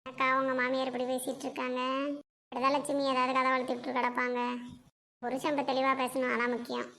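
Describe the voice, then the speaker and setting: Woman playing a blunt, gravelly bride's mother. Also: sits high, completely flat delivery, brisk, sharp tone, heavily acted. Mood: argumentative. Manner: blunt, argumentative. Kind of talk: comedy skit acting.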